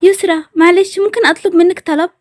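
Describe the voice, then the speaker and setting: A woman's voice: extremely high pitch, steady tone, quick pace, no echo, studio quality. A woman with an Egyptian accent voicing a friendly schoolgirl who pleads that she is innocent. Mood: pleading. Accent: Egyptian Arabic. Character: friendly schoolgirl wrongly accused.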